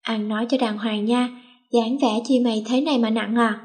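A woman's voice: on the high side, fairly even intonation, moderate pace, a little mellow, close to an everyday voice. A woman doing a scheming sassy schoolgirl. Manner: bossy, mock-sweet when acting.

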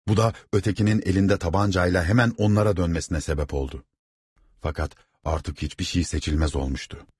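A man reading a novel aloud as narrator, with steady, dramatic storytelling. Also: low-pitched, breathy edge, no echo, clean studio sound.

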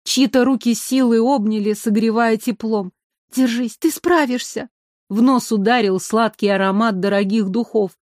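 A woman narrating an audiobook with an expressive storytelling manner. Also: fairly high pitch, normal speed, hardly any pauses, no echo, studio quality.

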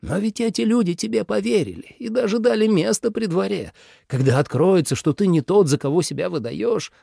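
A man's voice: high voice, brisk, creaky, mellow, breathy edge, no room sound, clean studio sound, pitched above the performer's own voice, exaggerated voice. A man voicing an anxious elderly father who pleads and frets in a storybook reading. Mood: pleading. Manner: pleading, fretful.

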